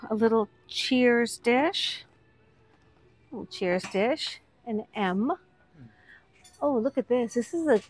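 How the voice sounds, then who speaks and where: A woman who hosts a vlog and resells goods chats casually while browsing a shop, pointing out shelf items one at a time. Her voice is mid-range, and there's no echo.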